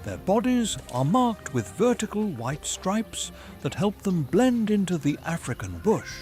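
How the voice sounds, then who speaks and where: A man reads scripted nature documentary narration in a measured, formal storytelling manner. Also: sits high, sing-song. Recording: music behind the voice. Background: background music.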